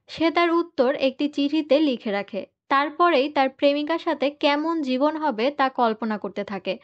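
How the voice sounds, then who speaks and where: High-pitched woman narrating a movie recap. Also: lo-fi sound. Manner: steady storytelling, reads out the characters' quoted lines in the same voice.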